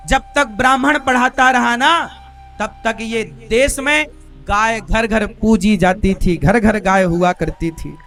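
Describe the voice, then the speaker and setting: Male preacher, very high piercing voice, hammers the crowd with questions, soft flute behind. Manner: rhetorical questions to the audience, demanding replies; forceful, emphatic preaching with rising outbursts. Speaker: preacher giving a scripture discourse. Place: live religious gathering.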